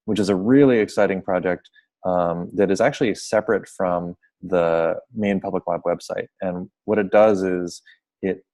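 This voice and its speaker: A man's voice: deep voice, normal speed, darkish tone. A man hosting an online seminar over a video call, explaining projects informally and apologizing for glitches. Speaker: seminar host.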